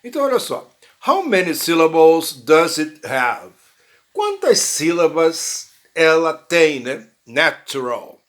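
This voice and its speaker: Man, English teacher, bilingual lesson, slow delivery, very animated pitch. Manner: reads English lines slowly, then translates and explains in Portuguese; frequent "né?" and "ok?" tags, restarts.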